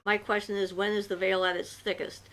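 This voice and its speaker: A woman's voice: medium pitch, flat delivery, fairly quick, fairly bright tone, rough recording. A woman hosting a livestream, reading out viewers' questions and answering them in a loose, chatty way with many fillers. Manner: reads viewer comments aloud, then answers at length with fillers. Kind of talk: casual livestream chat.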